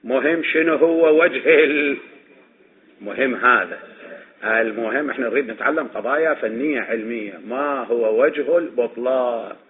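A man's voice: medium pitch, moderate pace. Iraqi man lecturing over a tinny line. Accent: Iraqi Arabic. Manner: questions students and answers himself; repeats and restates points. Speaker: religious studies teacher. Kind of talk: classroom lecture on legal reasoning. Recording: tinny phone-like recording with faint noise.

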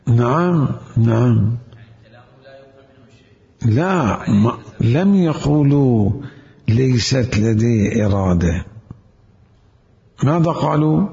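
A man's voice: mid-range voice, animated, takes it slowly, vocal fry, pauses often, warm tone. A man giving an Islamic jurisprudence lecture, asking rhetorical questions and repeating key words for emphasis. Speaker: seminary teacher. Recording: echoey hall, dull lo-fi sound.

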